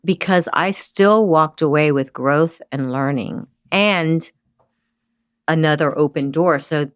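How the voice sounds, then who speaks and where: A woman with a low voice, recorded dry and close to the mic. She is middle-aged and works as a nurse in aesthetic medicine. As a podcast guest, she tells her story in a lively way and acts out the dialogue of the people she quotes. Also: takes it slowly, smooth, dry recording. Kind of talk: casual interview storytelling. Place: podcast studio.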